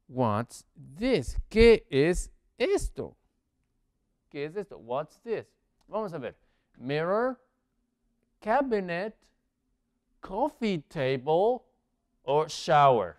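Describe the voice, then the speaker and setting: A man teaching English vocabulary, quizzing viewers with multiple-choice options and drawing out the English words slowly for pronunciation. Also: on the high side, a little mellow. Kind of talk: English vocabulary lesson in Spanish.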